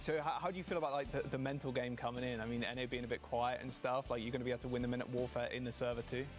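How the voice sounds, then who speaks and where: A man's voice: medium pitch, steady tone, racing. A man interviewing esports players at an event in a playful, light-hearted way. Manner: playful, laughing often. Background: background music.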